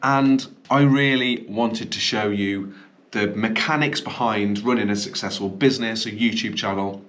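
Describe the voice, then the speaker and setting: A business owner hosts a casual vlog for his channel from a small indoor studio, chatty and upbeat with ums and self-corrections. His voice is fairly low and a bit bright, at a moderate pace, and he has a slight cough.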